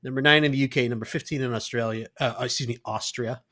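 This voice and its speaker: Co-host, male, mid pitch, playful and teasing, reels off facts casually. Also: steady tone, racing, bright, forceful tone, slight background noise. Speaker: podcast co-host. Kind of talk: casual podcast chat.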